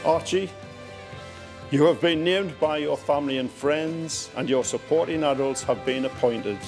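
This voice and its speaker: A man speaking as celebrant at a naming ceremony, in a measured, formal manner. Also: fairly high pitch, music in the background.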